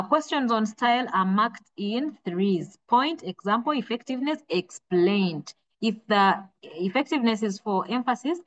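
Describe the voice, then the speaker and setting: Woman teaching. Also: medium pitch. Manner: earnest, repeats words while thinking, stretches key words slowly. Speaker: literature teacher. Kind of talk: exam revision lesson. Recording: dull lo-fi recording.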